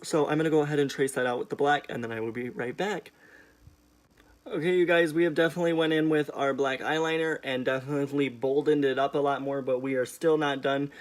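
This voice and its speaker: A man's voice: mid-range voice, fairly even intonation, brisk. A young man with a sassy, emphatic drag-queen delivery, chatting casually as he hosts a makeup tutorial. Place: indoors, small room at home.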